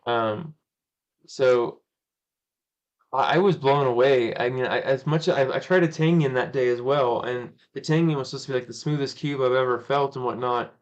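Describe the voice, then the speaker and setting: A man's voice: medium pitch, moderate pace, muffled recording. A man hosting a live stream, chatting casually and rambling, often correcting himself and laughing. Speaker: cubing channel host.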